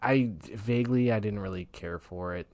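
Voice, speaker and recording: A man's voice: on the low side, moderate pace, darkish tone. A man co-hosting a podcast, chatting casually and joking as he riffs on movies and TV. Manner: joking, playful, riffing. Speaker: podcast co-host. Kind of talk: casual chat over beers.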